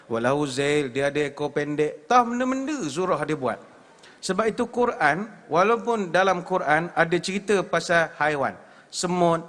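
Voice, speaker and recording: A man with a Malaysian Malay accent delivers a lively, humorous religious talk from a stage. His voice sits slightly high and rings with the long reverb of a large hall. He slips into comic impressions and drawn-out chanting as he tells his stories. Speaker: preacher.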